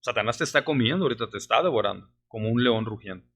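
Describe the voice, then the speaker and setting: Pastor mexicano enfático predicando. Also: male voice, mid-range voice, expressive, rapid-fire, vocal fry, fairly bright tone. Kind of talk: sermon. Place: church sanctuary.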